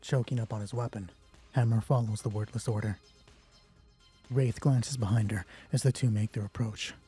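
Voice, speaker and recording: A man serves as game master for a solo roleplay, mixing hushed, terse scripted narration with casual commentary, swearing and thinking aloud as he plays. His lowish voice is steady and dark at a normal speed. Music runs in the background.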